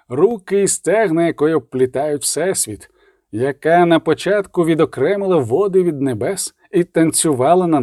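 Reader doing an antlered sorcerer, drawn-out ritual shouts, dry close sound. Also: male voice, fairly high pitch, no room sound. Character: antlered male sorcerer leading a rite.

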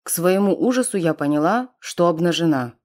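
A woman's voice: on the low side, animated, a little fast, a little mellow. A woman narrating a first-person audiobook in a tense, dramatic reading.

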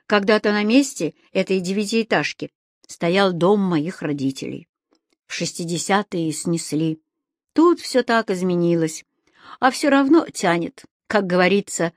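Calm old man, read by a woman. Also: medium pitch, dry recording, clean studio sound, close to an everyday voice. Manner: calm, soothing, a little lecturing. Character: kindly calm old man, gently reassuring.

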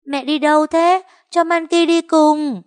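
A woman voicing a small tearful girl who clings and pleads in a high, wailing voice. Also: steady tone. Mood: pleading. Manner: high wailing child voice, drawn-out calls.

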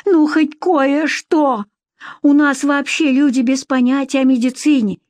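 A woman voicing loud, blunt village women who shout in a shrill, drawn-out way in an audiobook. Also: steady tone, dry recording, clean studio sound. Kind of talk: audiobook narration.

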